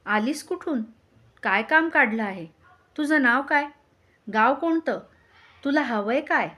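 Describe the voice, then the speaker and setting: A woman's voice: high voice, animated, measured pace, sharp tone, voice pushed up, full character voice. A humble, anxious maidservant, voiced by a woman storyteller speaks in a slightly raised voice. She is cautious and respectful. She belongs to a told folk tale. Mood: wary.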